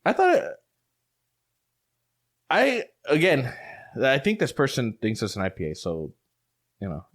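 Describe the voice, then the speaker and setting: A man co-hosting a podcast in relaxed, rambling chat. His voice sits mid-pitch but moves in lively swings, and his sentences are full of "like" and "you know". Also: measured pace. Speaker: podcast co-host. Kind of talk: casual chat.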